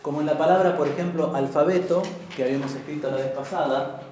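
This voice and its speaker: A man teaching a language class, patiently explaining and repeating words slowly. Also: fairly high pitch, fairly even intonation, darkish tone, a little hiss or hum. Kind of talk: informal classroom lesson. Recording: very echoey room, from far off.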